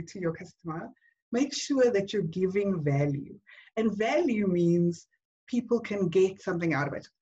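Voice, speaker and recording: A woman's voice: mid-range voice, lo-fi sound. Upbeat South African woman giving a talk. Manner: upbeat, encouraging, addresses listeners as guys. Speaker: networking speaker. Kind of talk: business presentation to a group.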